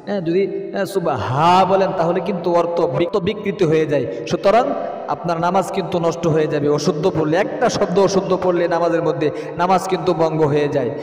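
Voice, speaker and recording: A man teaching how to say the prayers, giving quick, insistent instructions and correcting pronunciation between slow, melodic chanted lines. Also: a little high, a little mellow, roomy sound, big-room sound, recorded from a distance. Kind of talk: teaching prayer recitation, chanting Arabic phrases.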